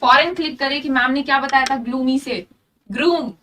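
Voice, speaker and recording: A woman teaching vocabulary for exams, her voice high and bright. She drills every word several times, ties meanings to small made-up stories, and keeps asking whether it is clear. Her voice comes from a bit away from the microphone. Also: moderate pace, far from the mic, a little hiss or hum. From India. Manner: explains through memory tricks and little stories. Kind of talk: online exam-prep lesson.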